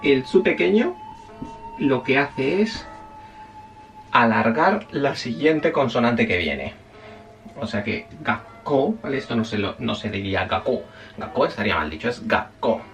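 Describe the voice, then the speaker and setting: Man, gravelly voice, casual teacher, chatty and self-correcting, distant mic, faint music behind. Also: medium pitch, lively intonation, moderate pace, fairly bright tone. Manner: chatty, self-correcting, checks in with listeners often. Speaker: Japanese language teacher. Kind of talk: casual spoken lesson.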